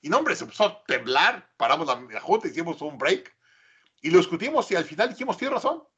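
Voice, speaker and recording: A man with a Mexican accent giving a business workshop talk, animated, telling stories and asking rhetorical questions. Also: on the high side, brisk, breathy edge. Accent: Mexican Spanish. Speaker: workshop speaker.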